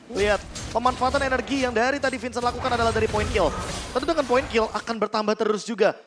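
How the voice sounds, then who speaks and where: A man with an Indonesian accent giving wordy, explanatory esports analysis with English gaming jargon. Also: sits high. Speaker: esports commentator. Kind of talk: analytical match commentary. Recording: loud music behind the voice. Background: music.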